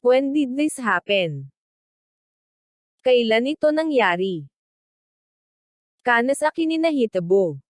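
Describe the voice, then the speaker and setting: Woman, language teacher, very slow careful reading, dry close sound. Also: fairly high pitch, sing-song, no echo. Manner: reads each phrase slowly and deliberately. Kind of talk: slow read-aloud translation drill.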